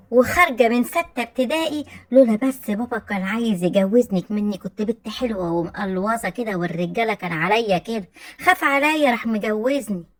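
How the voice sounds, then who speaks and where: Brash mother-in-law, Egyptian accent, loud and blunt, high voice, comedy sketch. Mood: scolding.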